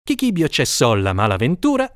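A man reads a classic tale aloud with a fairly high voice and a lively, rising-and-falling delivery. His telling is theatrical and expressive, and the recording is dry and close with no room sound. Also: a little fast, no echo.

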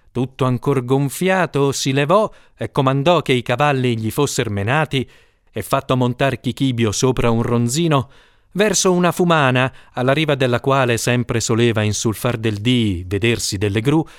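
A man reading an old tale aloud in an expressive, theatrical storytelling manner. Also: medium pitch, dry recording, studio quality.

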